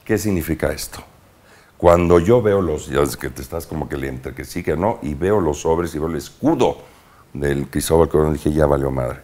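This Veracruz-born actor speaks with a Mexican accent and a bass voice at a normal pace. As a guest in a casual interview, he shares animated tales from his youth, full of slang and sound effects.

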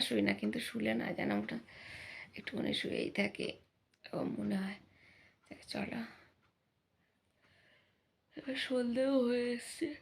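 A chatty woman in her thirties, vlogging her household chores and talking to viewers as friends. Her pitch moves around a lot and her voice is creaky and a little husky. She is recorded on a phone in a home kitchen. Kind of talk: casual home vlog narration.

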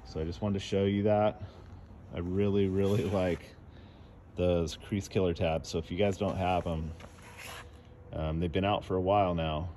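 A man doing dent repair outdoors, explaining his work in a relaxed, casual way as he films on a phone. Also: sits low, moderate pace, long pauses, slight background noise. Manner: relaxed, explanatory, talks between tasks. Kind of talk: casual how-to narration while working. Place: outdoors in a parking lot beside a car.

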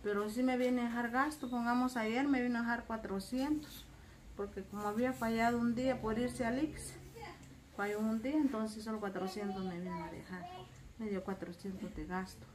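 A woman's voice: fairly high pitch, background noise. A woman, telling her family story in a casual interview and acting out many quoted exchanges. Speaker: interviewee, mother.

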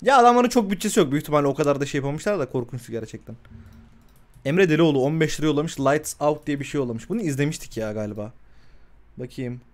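A male streamer reacting live to short horror films, with a voice on the higher side. He urges the characters on, swears freely and breaks into shrieks and laughter at the scares. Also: lively intonation, fast. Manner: talks back to the screen, swears, shrieks when startled.

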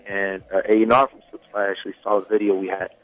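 Soft music plays behind this young man from Sweden, whose fairly low, level voice moves quickly and sounds a bit bright, though the highs are cut off. A native Swedish speaker, he's a singer guesting on radio, relaxed and leaning heavily on fillers like "you know."

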